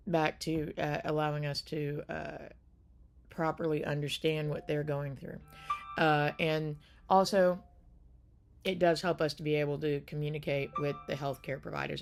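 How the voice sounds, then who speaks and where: A woman with a low, gravelly voice hosts a caregiving talk. She speaks casually, rambling and restarting, with lots of ums and uhs. Her tone is plain and unscripted. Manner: loose, rambling delivery with many fillers and restarts. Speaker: caregiving channel host.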